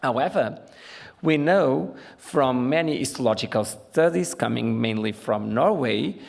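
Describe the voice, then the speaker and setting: Man from Portugal, gravelly voice, medical lecture, reverberant conference hall. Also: mid-range voice, lively intonation. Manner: measured, with frequent "uh" fillers. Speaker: invited lecturer, physician.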